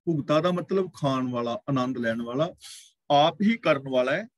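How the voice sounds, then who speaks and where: A man giving a Sikh scripture exposition, chanting verse lines slowly and then explaining them in a measured, repetitive teaching cadence. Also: mid-range voice, animated, no echo.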